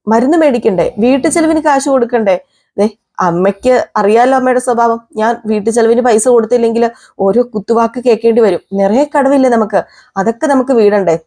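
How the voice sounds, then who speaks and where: A proud young working-class driver with a mellow, warm voice, as a woman reads his lines. He speaks with indignant defiance, and his lines are told as a recap of a television serial. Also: on the high side, lightly acted. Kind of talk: retelling a serial scene.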